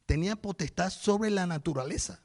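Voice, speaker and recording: A man's voice: sits high, normal speed, darkish tone. A man preaching a sermon as pastor, telling the story vividly and acting out the scenes.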